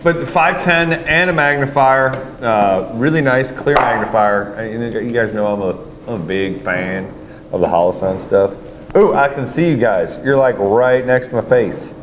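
A man's voice: medium pitch, moderate pace. A man hosting a casual store show, chatting about gear with lots of fillers and upbeat asides. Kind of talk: casual product chat. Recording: noisy store recording.

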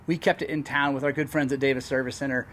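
A man's voice: medium pitch, flat delivery, fast, fairly bright tone, slight background noise. A man hosting his own channel, giving a casual, hesitant walkaround of a new dirt bike. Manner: casual, hesitant, lots of fillers. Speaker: mechanic and channel host.

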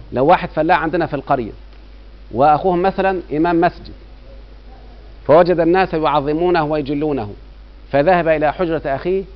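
A middle-aged man with an Egyptian Arabic accent teaching grammar, constantly asking his students whether they follow. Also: fairly high pitch. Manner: keeps quizzing students with rhetorical checks. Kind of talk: classroom lecture. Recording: dull lo-fi recording.

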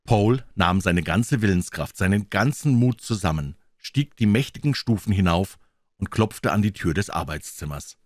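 Expressive low-voiced male audiobook narrator. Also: moderate pace, no echo, studio quality. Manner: expressive, dramatic reading. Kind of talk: reading a classic novel aloud.

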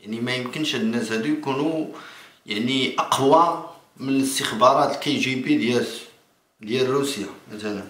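A man in his thirties with a Moroccan accent, giving spontaneous political commentary to camera in a halting way, repeating and restarting phrases. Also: mid-range voice, a bit bright. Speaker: political vlogger. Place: small indoor room. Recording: echoey room.

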